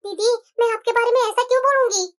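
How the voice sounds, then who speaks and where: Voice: very high voice, fairly even intonation, fast talker, pitched below the performer's own voice. A voice actor doing a meek young daughter-in-law. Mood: denying. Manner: soft, apologetic, quiet. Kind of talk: cartoon voice acting.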